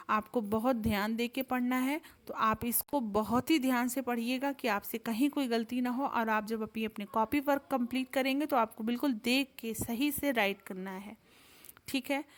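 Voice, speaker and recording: Patient Indian woman Hindi teacher. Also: on the high side. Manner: patient, repetitive, calls students "beta". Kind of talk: classroom lesson to children. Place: school.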